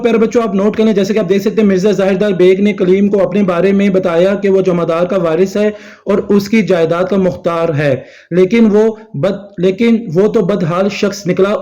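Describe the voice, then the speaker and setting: A man's voice: high-pitched, warm tone, echoey room, highs cut off. A male teacher going through textbook exercise answers in a recorded lesson, talking to students as dear children and repeating his phrases.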